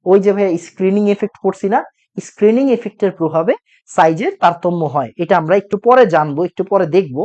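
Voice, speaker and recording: A man's voice: high-pitched, expressive, quick pace, darkish tone, dull audio. A young man teaching a chemistry class online, with a sore throat, repeating each point and quizzing his students. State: sore throat from talking loudly.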